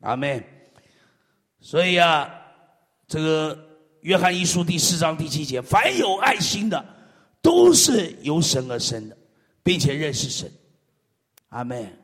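A man preaching a sermon, swinging between loud exclamations and low murmured amens. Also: very animated, measured pace, long pauses. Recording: echoey hall.

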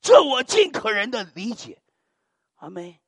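An older man with a very high, husky voice preaches a sermon a little slowly, captured in a dry, clean studio recording. He tells animated, dramatic stories, muttering hallelujahs between lines.

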